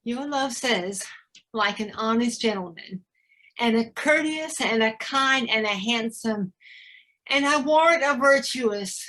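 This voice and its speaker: An actress playing a fussy, aging nurse with a Southern US accent, complaining about her aches and teasing in drawn-out verse. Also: fairly high pitch, sharp tone. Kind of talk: stage acting of verse drama.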